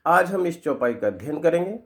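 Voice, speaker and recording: A man telling a short folk tale and explaining scripture verses in a devotional lesson, with animated storytelling. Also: a little high, fairly quick.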